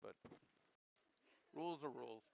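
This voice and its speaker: A man's voice: mid-range voice, measured pace, creaky, rough recording. A man giving casual, chatty live curling commentary, with folksy jokes and repeated calls.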